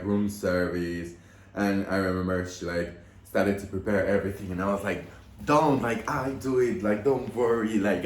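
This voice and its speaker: Young man, casual vlog storyteller, deeper voice, filler-heavy rambling, roomy echo. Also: darkish tone. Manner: emotional, gushing retelling. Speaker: model telling a story. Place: at home.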